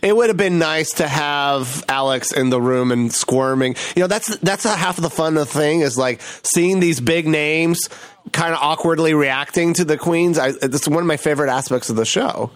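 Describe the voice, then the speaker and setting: A man's voice: on the high side, normal speed, no room sound. A man chatting casually as an interviewer, eagerly putting and rephrasing questions and offering his own takes. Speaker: interviewer, co-host. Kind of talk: casual chat.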